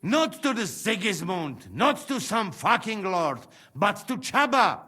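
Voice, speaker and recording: A man's voice: high voice, very animated, measured pace, sharp tone, heavily acted. An actor playing a sly male mercenary with a Trenčín-region accent who speaks broken, wheedling English. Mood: bribing.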